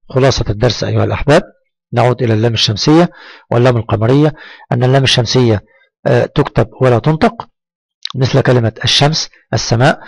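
A man's voice: medium pitch, gravelly, darkish tone, dry recording, low-quality recording. A man teaching a primary school lesson, stretching out words syllable by syllable and praising his pupils as he drills them. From Egypt.

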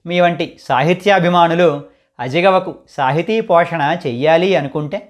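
A man with a fairly high voice teaches pronunciation in a calm, scripted lesson. He goes step by step, saying single letters and sample words slowly and clearly, one after another. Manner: measured, methodical, spells out letters and example words one by one. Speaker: teacher of a literature channel.

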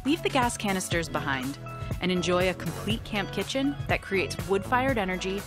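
A woman reading a scripted promotional voice-over with an upbeat, crisp delivery. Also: medium pitch, expressive, moderate pace. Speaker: product narrator. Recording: voice-over with clear music underneath.

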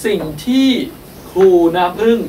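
A man's voice: unhurried, mellow, recorded from a distance, slight background noise. A man leading a teacher-training workshop, explaining the steps and checking in often with his listeners. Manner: explains with repeated checking questions.

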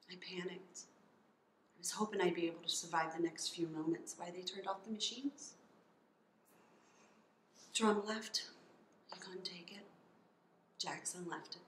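A middle-aged woman acting a grieving, steadfast mother in a dramatic monologue, halting and intimate, breathy and hushed at times. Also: lowish voice. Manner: halting, emotional, intimate delivery. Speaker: actor performing a monologue. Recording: roomy, with background noise.

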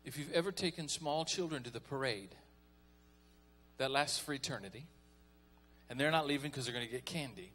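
Man, pastor, folksy sermon, mid-pitched voice, call-and-response. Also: brisk, a bit bright, faint music behind. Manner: folksy, conversational preaching with audience call-and-response.

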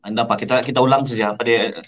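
A man's voice: medium pitch, steady tone, rapid-fire, a crowd in the background. A man with a Sabah Malaysian accent hosting radio in casual banter and reading out listener comments. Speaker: radio host. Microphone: studio microphone on boom arm. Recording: dull online stream audio.

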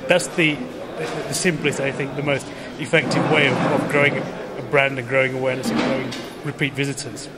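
A man in his thirties, a company executive giving a conference interview in a measured, polished way, often restarting words. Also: mid-range voice, flat delivery, very noisy. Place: large indoor conference hall. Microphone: handheld camera close to the face.

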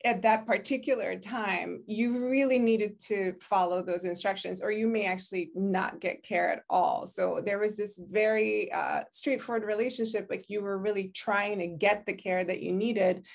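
Woman, Hungarian accent, non-native English speaker, video call, gravelly, reflective interview. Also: medium pitch, steady tone, moderate pace, few pauses. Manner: reflective, frequent "you know", laughs easily. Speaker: interviewee, public health professor. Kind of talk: oral history interview. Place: home office, virtual background.

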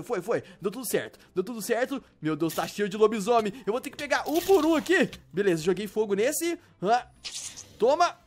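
A young man doing excited Minecraft role-play commentary, exclaiming and repeating words as he plays. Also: very high voice, slight background noise. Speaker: gaming YouTuber.

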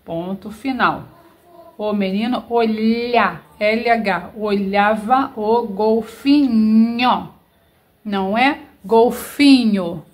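A woman's voice: mid-range voice, very slow. A woman teacher, dictating sentences word by word and spelling out letters. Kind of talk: slow dictation lesson.

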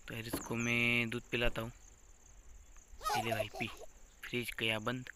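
A man's voice: mid-range voice, completely flat delivery, a little slow, heavy background noise. A young man giving casual, joking gameplay commentary as a gaming YouTuber, teasing the baby on screen.

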